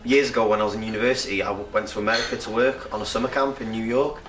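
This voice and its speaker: In a lowish, fairly even, slightly bright voice, a young North Wales rapper races through a loose, rambling interview and laughs a lot. The recording is distant and echoey, with a crowd audible behind him.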